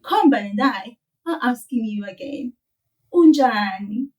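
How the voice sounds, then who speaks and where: A woman with a South African accent teaching a children's language lesson, explaining sounds slowly and gently. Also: fairly high pitch, lively intonation, far from the mic, low-quality recording.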